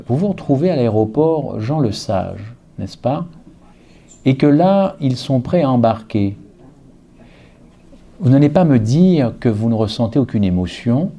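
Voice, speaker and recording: A man from Guadeloupe preaching a sermon, his voice dark and mellow. He speaks with animated emphasis, asking the listeners rhetorical questions as he goes. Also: medium pitch. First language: Guadeloupean Creole alongside French.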